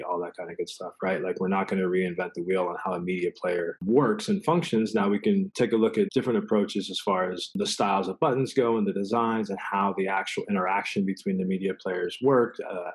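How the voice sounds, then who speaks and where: A product designer appears as an interview guest, his low voice carrying a breathy edge on a rough recording. He explains his work casually and ramblingly, sprinkling in plenty of "you know" and "right."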